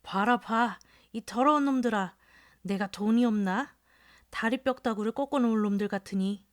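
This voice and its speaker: A woman voicing a crude, drunken middle-aged male rickshaw puller in a storybook reading, shouting and cursing. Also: fairly high pitch, moderate pace, dry recording, clean studio sound, close to an everyday voice. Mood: rowdy drunk.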